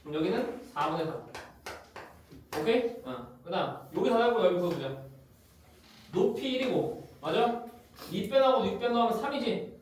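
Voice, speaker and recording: A man's voice: high voice, very animated. A man teaching math in a classroom, walking through graphs on the board and checking again and again that students follow. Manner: constantly checks students' understanding, brisk and informal. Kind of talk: classroom lecture. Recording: very echoey room, far from the mic, faint noise.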